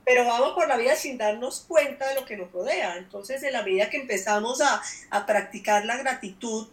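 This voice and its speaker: A woman hosts a conversational interview. Her voice is fairly high, and she talks in a reflective, earnest way. The recording carries a noticeable room echo. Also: brisk. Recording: echoey room.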